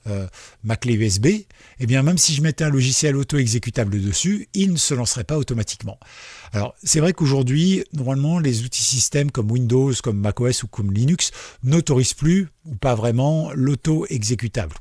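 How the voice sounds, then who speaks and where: A man walks viewers through a computer tutorial in a relaxed, chatty way, padding his explanations with fillers and friendly asides. His voice is mid-pitched and somewhat husky. The recording is dry and close, with no room echo. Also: a little fast. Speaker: tech tutorial host. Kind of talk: casual screen-share tutorial.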